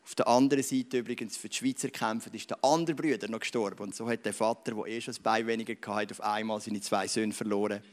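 A man's voice: fairly low pitch, steady tone, quick pace, few pauses. A man preaching a sermon, speaking directly to his listeners and telling stories to make his point. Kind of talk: sermon with storytelling.

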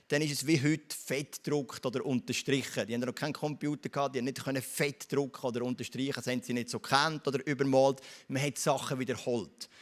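A man with a Swiss German accent preaching a sermon, retelling a story and turning often to speak straight to his listeners with quick tag questions. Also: mid-range voice.

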